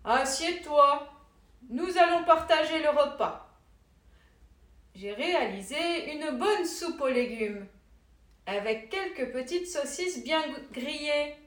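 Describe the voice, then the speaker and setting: A woman's voice: sits high, lively intonation, slow pace, fairly bright tone, distant mic, heavily acted. A woman playing a kind woodcutter. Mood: welcoming. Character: kind, generous poor woodcutter, a man. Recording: echoey room, voice off-mic.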